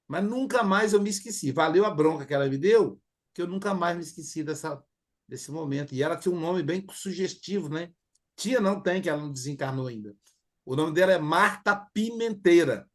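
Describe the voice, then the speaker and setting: A middle-aged man with a Brazilian accent giving a conversational class lecture, full of fillers and acted quotes. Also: sits high. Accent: Brazilian Portuguese. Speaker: teacher.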